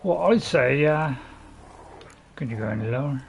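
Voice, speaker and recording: Creaky-voiced man giving casual game commentary. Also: mid-range voice, expressive, normal speed, slight background noise. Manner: rambling, chuckling asides. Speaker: gamer recording a playthrough.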